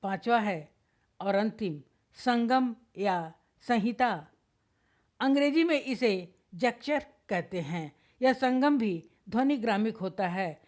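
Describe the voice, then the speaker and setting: A woman teaching Hindi grammar, reading a lecture from notes and sounding out each example word slowly and deliberately. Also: a little high, expressive, a little mellow.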